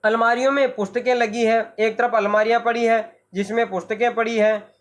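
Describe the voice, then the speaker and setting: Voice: mid-range voice, flat delivery. Teacher going over a school play line by line, repeats stuff, explains words as they go. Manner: explains slowly, repeats and restates word meanings. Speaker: Hindi teacher. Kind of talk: classroom lesson explanation.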